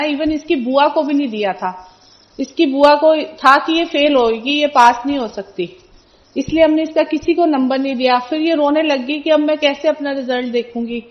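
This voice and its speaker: A high-voiced middle-aged woman recounts family stories as a devotional testimony. She tells it in an animated way, acting out what each person said. The sound is dull and lo-fi. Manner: storytelling, animated retelling of family events with quoted dialogue.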